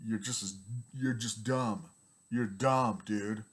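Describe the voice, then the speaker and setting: A man's voice: lowish voice, fairly even intonation, slow pace. Angry ranting man with a strained throat. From United States. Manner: angry, blunt, repetitive ranting. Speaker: vlogger. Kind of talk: ranting vlog monologue.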